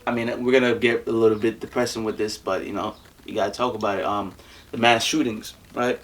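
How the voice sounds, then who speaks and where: A man's voice: lowish voice, steady tone, a little fast, distant mic. Laid-back man co-hosting a podcast. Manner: laid-back, joking, trails off quietly. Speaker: podcast co-host. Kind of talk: casual chat.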